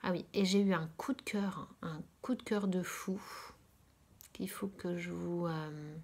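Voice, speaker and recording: A woman from France hosting a casual knitting podcast, talking hesitantly with many fillers, often dropping to a soft near-whisper and repeating her words of praise. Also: on the low side, fairly even intonation, unhurried, slightly rough. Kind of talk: casual chat about knitting.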